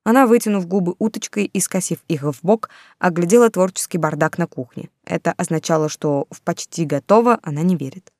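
A woman reading a first-person story aloud in a lively, conversational way. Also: lowish voice, brisk, few pauses, no room sound, studio quality. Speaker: audiobook narrator. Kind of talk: first-person audiobook narration.

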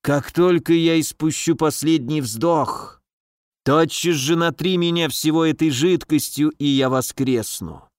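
A man reading the part of a dying old nobleman father, speaking slowly and weakly. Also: on the high side, no echo, studio quality, close to an everyday voice. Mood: weak, pleading. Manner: slow, weak, muttering.

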